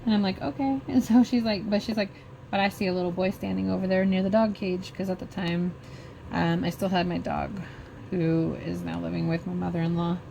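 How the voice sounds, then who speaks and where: A middle-aged woman vlogger slowly telling a personal story while crafting, halting and emotional. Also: on the low side, flat delivery, vocal fry, warm tone, a little hiss or hum.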